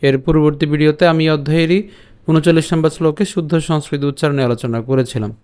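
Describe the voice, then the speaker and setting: A man with a smooth, resonant voice, pitched a little high, teaches an online recitation lesson. He breaks each verse into syllables and repeats them slowly and deliberately. He rattles through his channel announcements quickly. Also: fairly even intonation, darkish tone. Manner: slow syllable-by-syllable drilling of pronunciation.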